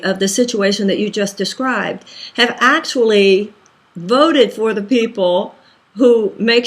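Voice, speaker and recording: Woman, from Texas, interviewer, probing questions, earnest conviction. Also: mid-range voice. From Houston, Texas. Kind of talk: political interview.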